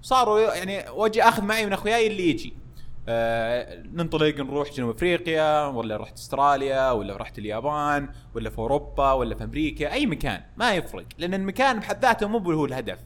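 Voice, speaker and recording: A young man, a podcast guest in casual chat, speaking loudly with lots of laughter. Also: on the high side, rapid-fire. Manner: loud, lively, laughs often.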